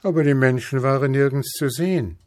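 A man reading a fairy tale aloud slowly and expressively. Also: no echo, clean studio sound. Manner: slow, expressive, lively pitch. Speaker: storyteller.

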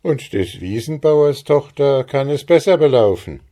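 Blustering stout farmer, loud and boastful, as a male storyteller puts him on, unhurried delivery. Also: mid-range voice, expressive, pitched above the performer's own voice, natural voice.

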